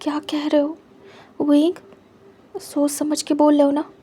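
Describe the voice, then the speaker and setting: A woman voicing a devoted young husband who speaks in a soft, hushed, reassuring way. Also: sits high, monotone, measured pace. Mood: tender.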